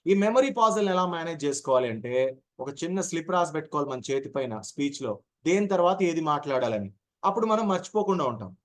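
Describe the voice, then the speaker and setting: A man's voice: fairly high pitch, big pitch swings. Man teaching speech skills on a call. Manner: deliberate, explanatory, mixes English terms, acts out examples. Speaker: public speaking trainer. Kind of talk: online speech-skills lesson. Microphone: video call.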